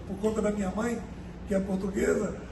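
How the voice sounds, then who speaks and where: A man from the Amazon region, a company director answering interview questions earnestly and deliberately, often repeating words as he searches for them. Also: sits high, level tone, gravelly. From Brazil, Amazonas. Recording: echoey room, distant mic, background noise.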